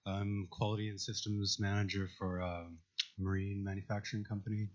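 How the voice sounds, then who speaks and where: A man from Canada who works as a quality and systems manager, giving a brief, even introduction. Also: fairly low pitch, brisk. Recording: dull lo-fi audio, mic far off.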